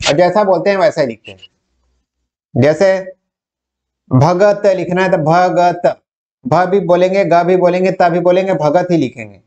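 North indian guy teaching hindi, kinda high voice, asks himself questions then answers them. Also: a little mellow. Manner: explains step by step, asks and answers his own questions. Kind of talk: whiteboard lecture.

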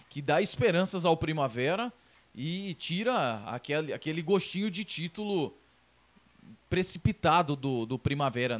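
A man with a Brazilian accent giving live football analysis as a match reporter, repeating words haltingly as he explains. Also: fairly high pitch.

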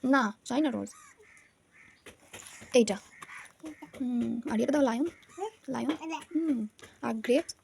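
A woman's voice: on the high side, slow pace, vocal fry, long pauses, a little mellow, a little hiss or hum. A young woman in a home vlog, coaxing a small child and repeating words for them. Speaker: mother and vlogger. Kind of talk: home vlog, coaching a toddler.

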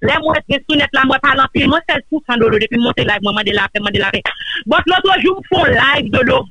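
High-pitched impassioned woman. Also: animated, quick pace, no room sound, soft background music, rough recording. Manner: impassioned, pleading, at times shouting. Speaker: live stream host. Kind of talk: emotional live-stream rant.

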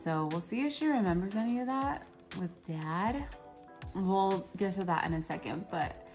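A woman's voice: mid-range voice, moderate pace, darkish tone. Chatty, bubbly young woman vlogging. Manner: bubbly, chatty, laughs often. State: a little tired. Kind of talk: casual vlog chat. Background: music.

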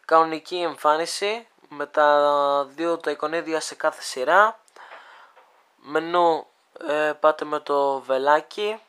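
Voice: medium pitch, a bit bright, clear, resonant tone. A speaker casually walking viewers through a phone app, thinking aloud with many hesitations and talking to them like friends. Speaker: video creator demonstrating a phone app. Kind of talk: casual screen demo walkthrough.

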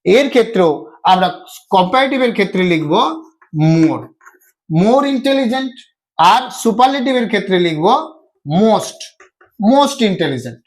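A man with a notably high-pitched voice walks through a grammar lesson step by step. He repeats each point patiently and poses questions to himself before answering them. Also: very animated, measured pace, long pauses. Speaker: English grammar teacher. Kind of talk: classroom-style video lesson.

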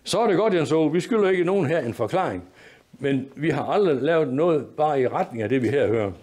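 A sharp-tongued, scandalized mother scolds her family with thunderous indignation, as a male reader puts her on. The voice sits higher than his own, clipped and contemptuous, in a read-aloud story. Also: lively intonation, close to an everyday voice. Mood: scolding. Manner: scolding, outraged.

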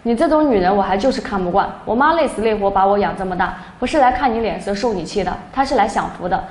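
A woman's voice: mid-range voice, lively intonation, fast talker, a little mellow, natural voice. A woman voicing an angry, domineering young husband who scolds his wife, read in an echoey room. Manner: scolding, dismissive.

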